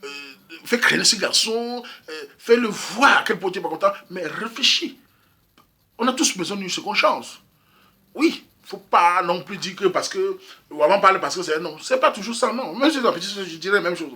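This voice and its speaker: A man's voice: sits high, lively intonation, normal speed, pushed and bright, husky. A man from Cameroon giving a casual opinion monologue on a couple's problems, emphatic and repetitive, often speaking straight to his listeners. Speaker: YouTube commentator. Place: Europe.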